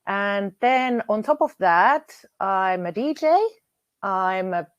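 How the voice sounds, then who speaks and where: A woman's voice: mid-range voice, animated, takes it slowly, dry recording, highs cut off. Cheerful woman from Finland on call. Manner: cheerful, laughs easily. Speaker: guest entrepreneur. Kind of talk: casual chat on a video call. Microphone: video call.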